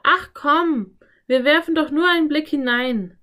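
Woman reading storybook girl, eager and excitable, high, loud calls. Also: measured pace. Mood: excited. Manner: bright, pleading, excited calls.

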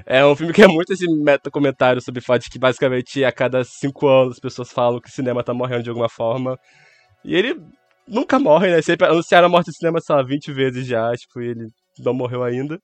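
A man's voice: medium pitch, expressive, quick pace, soft background music. A Brazilian man co-hosting a casual, opinionated film podcast, his voice affected by flu and an inflamed, swollen throat. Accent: Brazilian Portuguese.

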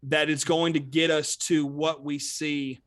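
A man's voice: on the high side, level tone, unhurried, dry recording, clean studio sound. A man co-hosting a casual podcast, rambling and full of "you know" and "like". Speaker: podcast co-host.

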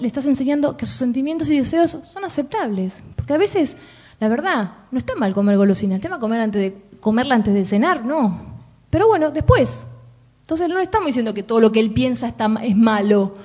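A high-pitched, expressive woman with a Rioplatense Spanish accent talks briskly and warmly at a parenting workshop, in a dull lo-fi recording. Her talk is informal and chatty, and she keeps checking in with listeners by asking "¿no?" and "¿sí?"

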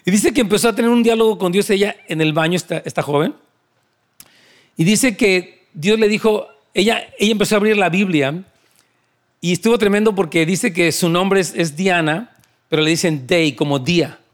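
A man's voice: high voice, normal speed. A man preaching a sermon, telling stories conversationally and repeating key phrases for emphasis.

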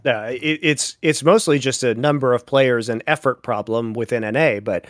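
A man in casual podcast chat who stammers and restarts as he gathers his thoughts. His voice sits at a middling pitch and comes across dry and close, with no room sound. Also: normal speed, dry recording.

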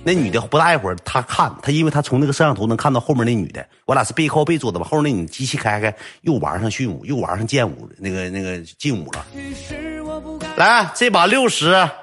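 Husky Northeastern storyteller, lively delivery. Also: male voice, medium pitch, racing, few pauses, soft background music. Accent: Northeastern Mandarin. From Northeast China. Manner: animated, exaggerated, colloquial. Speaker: storyteller streamer. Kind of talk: comic storytelling.

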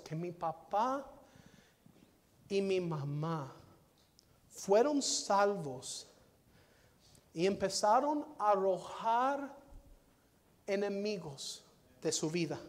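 High-voiced preacher in a reverberant hall. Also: male voice. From United States. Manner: dynamic preaching, swings from soft to loud, repeats phrases. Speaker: pastor. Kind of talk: sermon. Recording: long reverb of a large hall.

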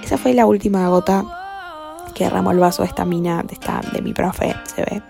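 A woman's voice: on the low side, a little fast, gravelly, mellow, faint music behind. A young woman with an Argentine accent tells a story in a casual, chatty way. She swears a lot, uses plenty of slang and often drops to a whisper. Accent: Argentine Spanish.

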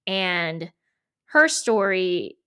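A woman co-hosting a podcast, recapping a show in relaxed casual chat, often pausing on "um". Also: fairly low pitch, smooth. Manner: relaxed recap with many ums and filler words. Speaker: podcast co-host.

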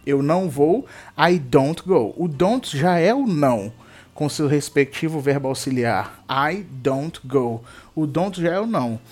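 A man's voice: a little high, expressive, unhurried, a little mellow. A Brazilian man, a native Portuguese speaker, teaches English verb rules to students, repeating examples and often checking in with "tá?". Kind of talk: explaining grammar to students.

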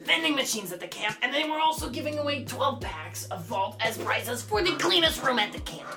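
A woman tells a rambling story with plenty of fillers in a casual podcast chat. Her fairly high voice sounds far from the mic, with music playing behind. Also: sing-song, fairly quick. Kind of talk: casual anecdote telling.

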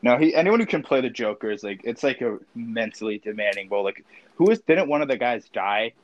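A man's voice: mid-range voice, lively intonation, a little fast, dull audio. A young man co-hosting a casual podcast chat, rambling with many fillers and restarts. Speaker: podcast co-host.

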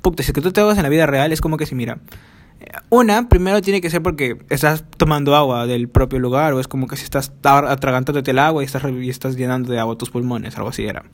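Recording alone at home, a fast-talking man with a medium-pitched voice rambles through childhood stories on his podcast. He swears crudely and freely, mocks himself, and piles up fillers in a chatty monologue.

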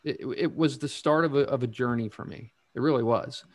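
Slow-talking reflective middle-aged man. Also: mid-range voice. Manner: slow, reflective, many ums and restarts. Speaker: guest sharing recovery story. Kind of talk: casual interview talk.

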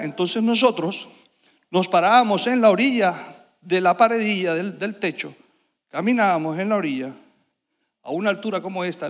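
A man with a high voice tells a story from the pulpit, animated and full of sound effects. His voice rings out in a church hall with a long reverb. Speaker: preacher. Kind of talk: sermon storytelling.

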